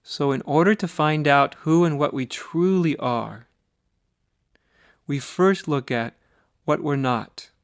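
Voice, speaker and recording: Guided meditation instruction comes from an American spiritual teacher whose voice is clear, smooth and medium in pitch. He moves very slowly and deliberately through short phrases with pauses, and the recording is dry, with little room sound.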